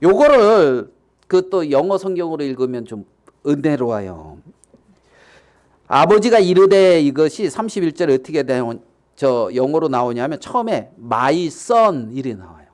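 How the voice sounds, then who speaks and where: A man's voice: a little high, normal speed. A male pastor giving a sermon, asking the congregation questions and acting out the quotes he reads. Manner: animated, acts out quotes, asks the audience questions.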